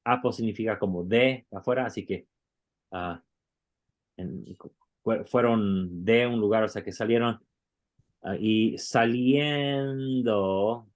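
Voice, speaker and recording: A man's voice: fairly low pitch, slow. Patient man teaching Greek. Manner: patient, explains step by step with slips and restarts. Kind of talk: online class.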